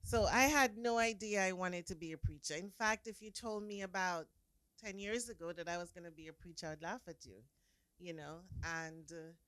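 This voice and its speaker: A woman with a Jamaican accent, speaking earnestly as an interview guest and trailing off softly at the ends of her phrases. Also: mid-range voice, clear, resonant tone, no room sound. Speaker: guest, author and preacher. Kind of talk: casual interview.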